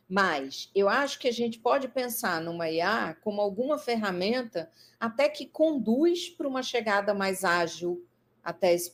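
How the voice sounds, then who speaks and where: A woman with a Brazilian Portuguese accent, a psychologist guest explaining her ideas in a conversational talk, thoughtful and full of fillers and restarts. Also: mid-range voice. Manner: thoughtful, many fillers and restarts, lively emphasis.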